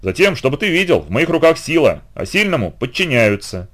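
A man voicing a brutal, boastful male warrior demigod in an audiobook, loud and threatening. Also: on the high side, expressive, fairly quick, voice pushed up, natural voice. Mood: boastful menace.

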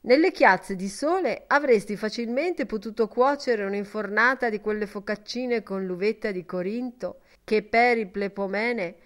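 A woman's voice: mid-range voice, normal speed, hardly any pauses, natural voice. A woman reading an earnest young man in an audiobook, speaking fervently and in a confiding tone.

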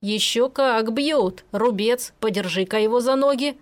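A burly old forest robber growls and scolds in a slow, heavy drawl, as a woman reads him. His voice stays rather high for a big man, and every word comes out grumbling. He is a storybook character in an audiobook. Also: lightly acted. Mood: scolding. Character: gruff burly older male forest robber.

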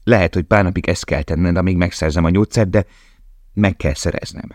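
A desperate young male prisoner gives urgent, commanding instructions, as a man reading a novel plays him. The voice is very deep. The sound is close and dry. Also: darkish tone, no room sound.

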